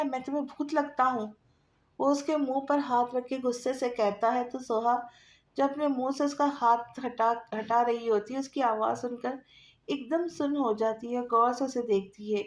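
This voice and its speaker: A woman narrating a romance novel aloud in a steady storytelling manner. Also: fairly high pitch. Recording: echoey room.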